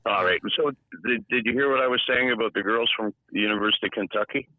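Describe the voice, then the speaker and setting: A man's voice: lowish voice, fast. A man telling rambling stories in casual chat, stammering and restarting his sentences. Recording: tinny phone line.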